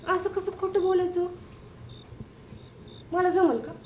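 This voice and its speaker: A woman's voice: extremely high pitch, steady tone, slow, warm tone, a little hiss or hum. An actress playing an anxious woman who is pushed to give false testimony and who hesitantly murmurs her words over and over. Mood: worried. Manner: hesitant, rehearses phrases under her breath. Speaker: reluctant witness. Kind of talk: film drama.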